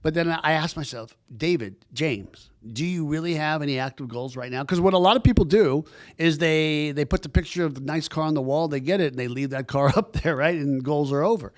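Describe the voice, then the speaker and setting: A man's voice: on the high side, brisk. A man hosting a podcast, chatting casually and enthusiastically with lots of restarts as he introduces his guest. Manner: rambling and enthusiastic, many restarts. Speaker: podcast host.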